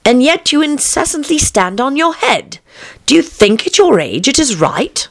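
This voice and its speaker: A woman's voice: high-pitched, very animated, normal speed, no room sound, clean studio sound, voice pushed up. A woman playing an inquisitive, cheeky young man, declaiming questions in storybook verse.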